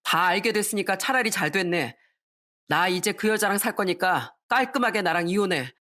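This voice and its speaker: A woman's voice: medium pitch, lively intonation, normal speed, bright, forceful tone. A woman voicing a young cheating husband who bluntly and dismissively demands a divorce, in a storybook radio reading. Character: cheating husband, young adult man, brazen and cold.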